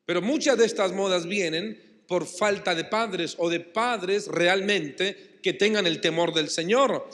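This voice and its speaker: Argentine man preaching from the pulpit, high voice, lively call-and-response, big church reverb. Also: unhurried. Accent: Rioplatense Spanish. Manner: emphatic, calls the congregation to repeat and answer. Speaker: pastor. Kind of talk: sermon. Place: church hall. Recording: long church-hall reverb.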